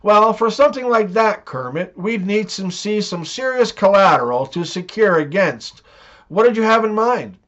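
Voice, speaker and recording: A man's voice: sits high, lively intonation, moderate pace, fairly bright tone. A man voicing a puzzled woman who works at a bank. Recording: dull lo-fi recording.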